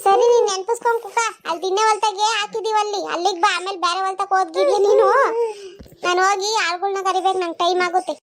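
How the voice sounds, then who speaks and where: A woman voicing a busy village farm woman in a cartoon, speaking briskly. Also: very high voice, fairly even intonation, a little hiss or hum. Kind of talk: cartoon voice acting.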